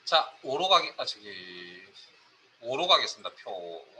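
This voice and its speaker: Bright-voiced man teaching a class. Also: medium pitch, sing-song, unhurried, a little hiss or hum, rough recording. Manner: explains step by step, quizzes students. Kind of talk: spreadsheet class lecture.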